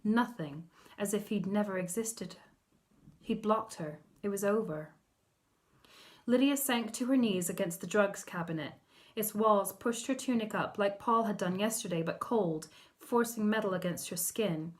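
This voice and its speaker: A woman author narrating her own novel in a measured, softly expressive reading. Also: mid-range voice. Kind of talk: audiobook narration.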